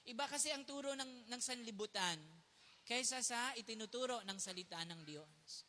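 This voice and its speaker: A man from the Philippines preaches with a high, sharp voice. He speaks in a conversational way, often asks his listeners questions and switches into English phrases. His voice rings out with a long reverb, as in a large hall. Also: normal speed, slight background noise. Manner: mixes English phrases into Tagalog. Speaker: pastor. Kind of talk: sermon with a personal story.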